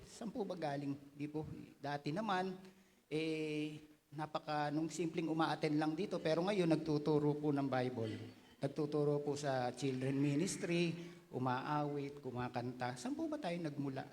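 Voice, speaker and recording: Filipino male pastor, earnest sermon, slightly high voice, long church-hall reverb. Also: a little mellow. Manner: earnest, asks the congregation questions, acts out quoted excuses.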